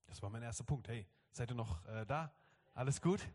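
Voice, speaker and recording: A man in his thirties preaching a lively sermon as pastor, often acting out other people's voices. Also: mid-range voice, moderate pace. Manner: lively, acts out quoted voices. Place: church hall. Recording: long hall reverb.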